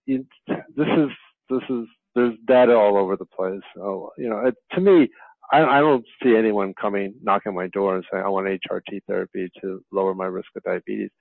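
A man speaks as a physician guest in an interview, in a voice a little on the low side. He hesitates and restarts often. His voice comes over a tinny, dry phone line. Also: moderate pace, vocal fry, no room sound. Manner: hesitant, many fillers and restarts. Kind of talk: conversational interview.

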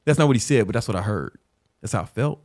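A man in his thirties, hosting a casual talk ranking business books, swearing freely and telling stories with animated, self-mocking laughs. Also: fairly low pitch, fast talker, no room sound, studio quality. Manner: profane, loose and streetwise; animated storyteller who laughs at himself.

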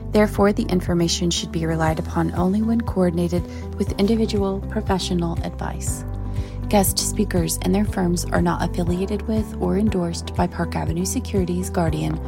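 Low-voiced woman reading a legal disclaimer over music. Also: creaky. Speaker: disclaimer announcer. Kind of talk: scripted legal disclaimer read. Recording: music behind the voice.

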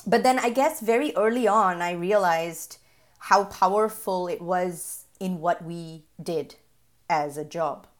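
Chatty woman from Singapore, low voice. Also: slow pace. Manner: chatty, laughs often, many fillers. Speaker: guest. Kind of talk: podcast interview.

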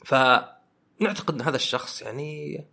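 A man hosting a podcast, talking through ideas in a thoughtful way and often pausing to search for words. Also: a little high, animated, gravelly, sharp tone. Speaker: podcast host. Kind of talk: reflective podcast monologue.

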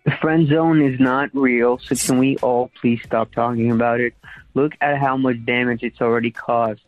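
Male caller, mid pitch, earnest complaint left as a voicemail over a tinny phone line. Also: steady tone, normal speed, dry recording. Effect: voicemail played over a phone line.

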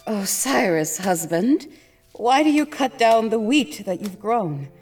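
A tender, breathy-edged nature goddess. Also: female voice, on the high side, very animated, slow, a little mellow, soft background music, heavily acted. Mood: concerned. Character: compassionate goddess of nature and healing, loving wife. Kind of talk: audio drama acting.

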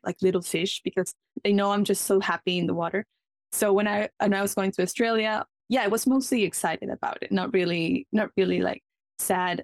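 Guest, young Ecuadorian woman, Spanish-accented English, mid pitch, earnest, dry mic. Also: darkish tone, no room sound. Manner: earnest, eager, with frequent restarts. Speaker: marine biologist guest. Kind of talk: casual interview.

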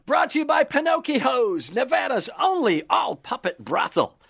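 A man who hosts a sports podcast, reading a promotion in a booming, excitable prize-announcer style. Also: moderate pace, creaky, slightly rough, raised voice. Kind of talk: promotional ad read.

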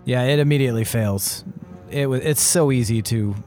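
A man narrating a tabletop role-playing game as game master, laying out scenes in deliberate, suspenseful short phrases. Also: mid-range voice, warm tone, soft background music.

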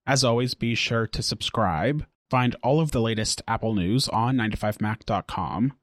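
A man hosting a daily tech news podcast, reading scripted stories and a sponsor spot in a steady, clear newsreader delivery. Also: lowish voice, moderate pace, no echo, studio quality. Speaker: podcast host.

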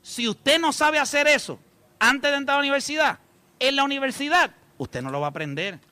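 A Puerto Rican man with a high voice and a bright, forceful tone. He co-hosts a talk show with blunt, emphatic storytelling. The sound is dry and close. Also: expressive, brisk, no echo. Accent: Puerto Rican Spanish. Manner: emphatic, blunt storyteller who swears and addresses listeners. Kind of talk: casual chat.

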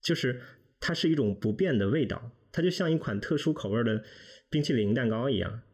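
A man in a podcast book discussion, speaking in a measured, reflective way. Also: mid-range voice, animated, a little mellow, breathy edge. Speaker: podcast guest, reader. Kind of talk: casual discussion.

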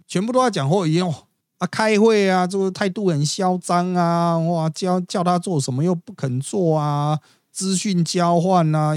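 A man's voice: a little high, darkish tone, no room sound, clean studio sound. A man with a Taiwanese Mandarin accent hosting a podcast, giving chatty, gossipy, wry political commentary. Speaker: podcast host.

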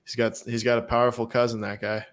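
A man's voice: mid-range voice, little pitch movement, fast talker. A man co-hosting a casual post-game sports stream, upbeat and joking. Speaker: podcast co-host.

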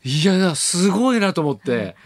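A middle-aged man co-hosting a radio show, telling backstage anecdotes in animated, chuckling casual chat. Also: high voice, normal speed. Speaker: radio co-host and stage actor. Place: radio studio. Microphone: close studio mic.

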